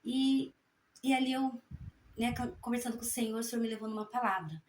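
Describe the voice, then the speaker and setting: A woman's voice: fairly high pitch, roomy sound, slight background noise. A woman giving a fervent spoken testimony and then reading scripture aloud. She speaks in a folksy way, tags her sentences with little questions, and stumbles and corrects herself as she reads. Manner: halting reading with self-corrections. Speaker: evangelical preacher sharing a prophecy.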